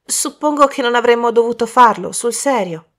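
A woman voicing an eager, apologetic young male prankster in an audiobook, with a raised, loud, excitable voice. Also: fairly high pitch, normal speed, voice pushed up, natural voice. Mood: eager, flustered.

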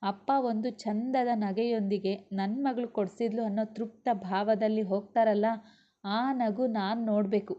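A woman's voice: medium pitch, fairly even intonation, a little slow, natural voice. A woman voicing an earnest young woman who speaks tenderly about her father. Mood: heartfelt. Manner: heartfelt, tender. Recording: dull lo-fi recording.

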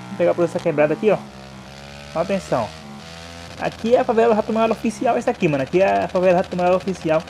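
Soft background music plays as the young Brazilian host rides through his motorcycle vlog, talking fast in a high, creaky, slightly mellow voice. His Brazilian Portuguese accent comes with hyped slang and frequent tags like "né" and "hein".

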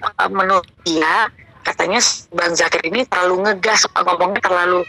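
A woman's voice: lowish voice, steady tone, moderate pace, noisy background. A woman being interviewed, talking emphatically and acting out the calls she retells. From Indonesia. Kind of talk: heated casual interview. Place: studio.

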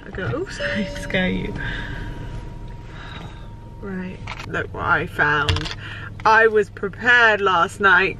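A young woman talks casually into a handheld camera, hungover and groggy, poking fun at herself and sliding into soft murmurs and whispers. Her voice sits at an ordinary middle pitch. Steady background noise runs under the audio. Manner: chatty, self-mocking, drops to murmurs and whispers. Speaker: lifestyle vlogger. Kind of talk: casual vlog chat to camera.

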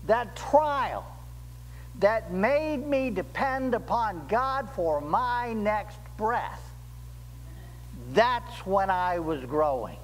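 An older man preaching a sermon as pastor in a church, slow and deliberate, rising emphatically on key words, recorded at a pulpit microphone. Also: high-pitched, expressive, in a large hall, rough recording. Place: church sanctuary.

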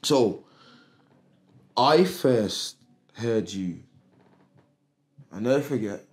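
A man's voice: medium pitch, lively intonation, drawn-out words. A man telling stories in a casual, slangy way as a podcast guest, often repeating himself. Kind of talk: casual storytelling chat. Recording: roomy echo.

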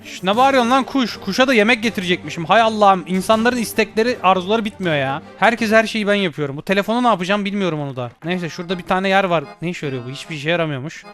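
A young man playing an escape game, chatting to himself and yelling when he gets chased. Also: high voice, fast talker, few pauses. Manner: excitable, yells and shrieks when chased; talks to himself and to game characters. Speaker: gaming YouTuber. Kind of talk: playing a horror escape game live, casual chat. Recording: faint game music behind.

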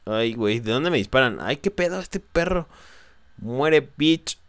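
A man's voice: mid-range voice, animated, moderate pace, a bit bright, no echo. A young man with a Mexican accent commentating a game as he plays, swearing and crying out in nervous alarm. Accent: Mexican Spanish. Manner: jumpy, swearing, nervous exclamations. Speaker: gameplay commentator. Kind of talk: let's play commentary.

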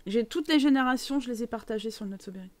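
A woman's voice: fairly high pitch, fast. A young French woman chatting casually with her live chat while playing a life-simulation game, rambling with many fillers. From France. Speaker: streamer.

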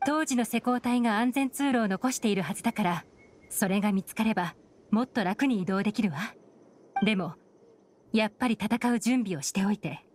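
Woman acting composed covert agent, anime game, medium pitch, cool measured delivery, shrewd, faint noise behind. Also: natural voice. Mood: calm, cautioning.

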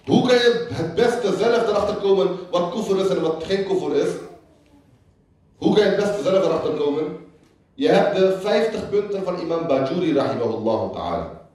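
A man's voice: high-pitched, lively intonation, normal speed, a little mellow. A man giving a sermon as a religious lecturer, who repeats lines for emphasis and half-sings quoted lyrics. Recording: echoey hall, voice picked up from far off.

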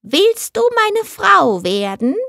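A woman's voice: sits high, very animated, takes it slowly, vocal fry, fairly bright tone, no echo, clean studio sound, pitched above the performer's own voice, heavily acted. A woman voicing a tiny, wrinkled male heath spirit who is proud and spiteful, speaking in grim, commanding pronouncements in a storybook reading. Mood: wooing.

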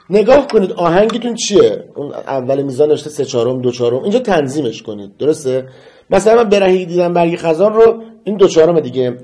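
A man teaching metronome practice in a casual lesson, counting beats aloud and humming a melody slowly. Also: a little high, warm tone. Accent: Persian. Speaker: music teacher.

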